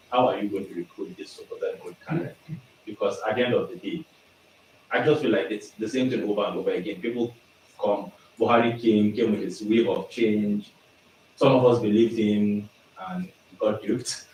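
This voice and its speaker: A man's voice: fairly low pitch, a little mellow. A young man, a graduate student, asks a long question in a chatty way. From Nigeria. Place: large lecture hall. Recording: echoey hall, far mic, faint hum.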